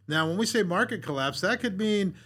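A man's voice: high voice, animated, a little fast, a bit bright, husky. A man hosting a podcast in a casual, rambling way, with lots of fillers and restarts. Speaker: podcast host.

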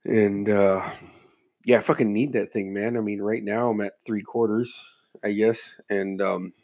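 A man's voice: on the low side, steady tone, unhurried, a little mellow. A man hosting a casual solo podcast, congested and muffled from being sick, rambling along in a laid-back way with plenty of swearing. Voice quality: muffled, congested, stuffy-nosed. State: under the weather with a stuffy nose and slight cough. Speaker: podcast host.

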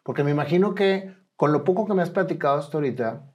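A man's voice: a little high, animated, quick pace, a little mellow, slightly rough. A man hosting an interview, asking questions and affirming attentively. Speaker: interview host.

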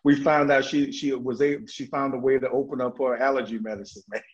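A man talking as a guest in a casual interview, an energetic storyteller who laughs often and restarts his sentences. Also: mid-range voice, a little fast. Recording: dull lo-fi audio.

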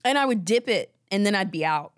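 A woman's voice: mid-range voice, lively intonation, fairly quick, no echo, clean studio sound. A woman hosting a podcast alone, talking in a rambling, candid, casual way and swearing now and then. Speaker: podcast host. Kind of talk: casual solo chat.

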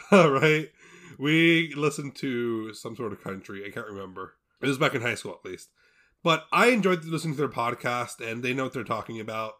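A man's voice: medium pitch, animated, moderate pace, bright, forceful tone. A young man in his twenties co-hosting a podcast, chatting casually and joking with playful pomp. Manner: jokey, playful pomp in mock titles. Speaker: podcast co-host. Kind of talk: casual chat.

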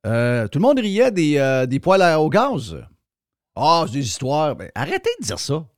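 A man's voice: on the high side, wildly swooping pitch, moderate pace, no room sound, studio quality. A man with a Québécois French accent hosting a radio show, talking in a colloquial, emphatic way straight to his listeners. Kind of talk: opinionated talk radio monologue and sponsor reads.

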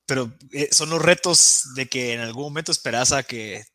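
A man's voice: medium pitch, moderate pace, sharp tone, dry recording, clean studio sound. A man hosting a podcast, talking in a loose, rambling way with fillers. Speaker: podcast host.

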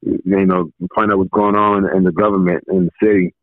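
Man, muffled phone caller, low voice, laid-back and reassuring, narrow tinny line. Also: little pitch movement, brisk, no room sound. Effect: muffled, bass-heavy phone line. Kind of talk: casual podcast chat.

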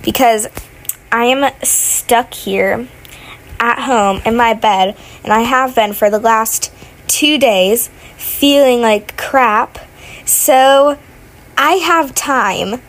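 A young gaming vlogger with a fairly high, slightly bright voice draws out her words while narrating gameplay from her bed. She's sick and sounds off, rambling casually with many fillers and restarts.

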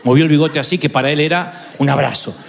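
A man's voice: a little high, quick pace, gravelly, very noisy. A man preaching with an Argentine accent, telling a funny personal story and playfully acting out the voices in it. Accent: Argentine Spanish. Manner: playful, acts out voices in anecdotes. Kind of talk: humorous storytelling sermon.

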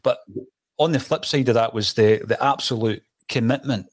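A man's voice: mid-range voice, normal speed, dry recording. A man with a broad Scottish accent hosting a conversational football podcast. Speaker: podcast host.

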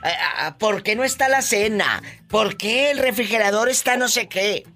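A man hosts a live radio show from the studio. He talks in a sassy, theatrical way, and his voice swoops all over in pitch. The tone is bright and sharp. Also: lively intonation, normal speed. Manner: playful, theatrical, sassy advice. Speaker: radio host.

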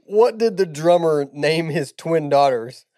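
A man's voice: on the high side, lively intonation, measured pace, dark tone, dry recording, studio quality. A man co-hosting a podcast, telling dad jokes in a playful, teasing, giggly way. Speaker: podcast co-host. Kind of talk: casual chat, trading dad jokes.

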